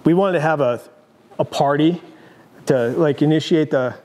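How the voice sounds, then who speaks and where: A man in his forties giving a casual tour of his large garage workshop, talking in a relaxed, rambling way with many fillers and restarts. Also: a little high, normal speed. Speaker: overland company founder giving a shop tour.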